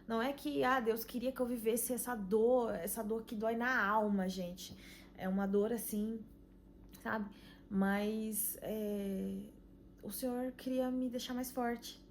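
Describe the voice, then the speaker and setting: A young Brazilian woman sharing an earnest, emotional faith testimony, full of pauses and "you know?" tags. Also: fairly high pitch, steady tone, a little hiss or hum. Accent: Brazilian Portuguese. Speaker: channel host giving a faith testimony. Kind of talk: personal testimony vlog.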